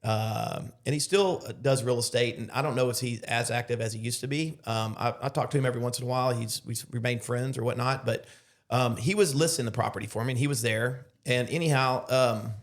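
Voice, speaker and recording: Animated middle-aged man telling a story. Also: mid-range voice, a little fast. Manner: animated storyteller, acts out quotes, many fillers. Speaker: podcast guest, loan officer. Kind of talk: casual storytelling.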